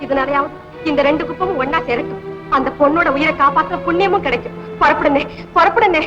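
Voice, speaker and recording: Woman playing an anxious young woman, high voice, old film drama, muffled soundtrack. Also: fast, close to an everyday voice. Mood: insistent. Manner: anxious, insistent. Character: young woman, worried and pleading. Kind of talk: 1960s film acting. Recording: dull old film soundtrack with loud music.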